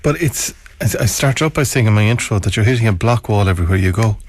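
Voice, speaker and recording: A man's voice: lowish voice, animated, fast, no echo. A man hosting a conversational interview on local radio.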